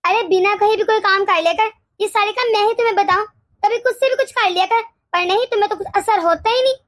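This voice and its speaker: A woman voicing a harsh, scolding older mother-in-law in an animated story, nagging and sharp-tongued. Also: very high-pitched, fast talker, no echo, studio quality.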